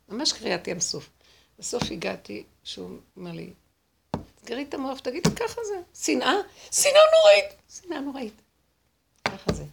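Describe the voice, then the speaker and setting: A woman's voice: medium pitch, gravelly, breathy edge. A woman teaching a spiritual lesson, telling stories with emotion and acting out what people said. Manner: animated, dramatic storytelling.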